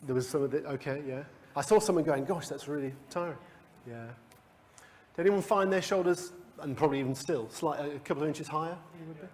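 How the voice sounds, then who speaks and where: A man's voice: on the high side, fast talker. Man leading a workshop in a hall. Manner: conversational, with frequent restarts and chuckles. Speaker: coaching workshop leader. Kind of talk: live workshop teaching. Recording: long hall reverb.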